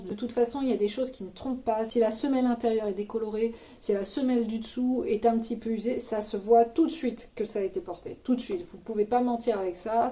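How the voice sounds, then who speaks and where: A woman's voice: a little high, dark tone. A woman vlogger with children, giving money-saving tips in a casual, informal chat to camera, with slangy asides and teasing humor. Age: adult with children.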